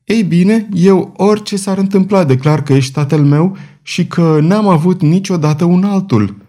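A heartbroken young woman in a read-aloud storybook, voiced by a man. Her voice climbs high and strains as she pleads, on a soft and mellow base. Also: lightly acted. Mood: pleading. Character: young woman, devoted adopted daughter, tearful.

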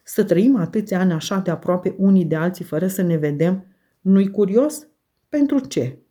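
A woman's voice: mid-range voice, animated, dark tone, lightly acted. Catherine, a woman voicing an eager teenage girl. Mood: eager, reproachful. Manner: eager, impulsive, affectionate. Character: lively excited teenage girl.

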